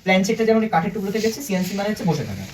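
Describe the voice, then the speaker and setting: In an indoor room, a young student presenter gives a casual talk to a small group of friends, chatting, joking, and quizzing them as he explains. His high voice is very animated and racing, a crowd can be heard in the background, and the distant mic picks up light room noise.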